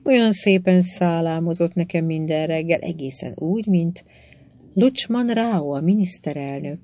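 A bold, scheming Indian queen, as a woman reader puts her on in an audiobook, frank and passionate. She speaks higher and louder than the narration, with a lively sweep. Her voice stays lowish in its base. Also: no echo. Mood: pleading. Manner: passionate, teasing, then pleading. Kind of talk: audiobook reading.

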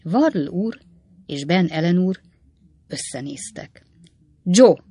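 A woman narrating a classic novel as an audiobook in a measured, even storytelling manner. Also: low-pitched, no echo. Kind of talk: scripted narration.

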